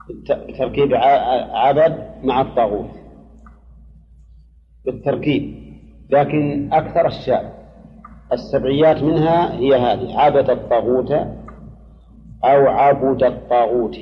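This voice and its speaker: A man giving a classroom lecture on Quranic readings and grammar, speaking in a measured way, repeating key words and putting questions to his students. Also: mid-range voice. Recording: muffled lecture hall with long reverb.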